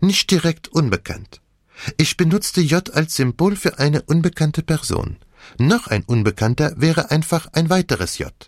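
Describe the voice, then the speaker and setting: A fussy elderly Belgian detective with a French accent, as a male narrator puts him on, pitched higher than the storyteller's own voice. He is precise and formal with a light theatrical flair. Each point comes out measured and sure, like a man who expects the room to listen. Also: expressive, no echo, studio quality. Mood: explaining.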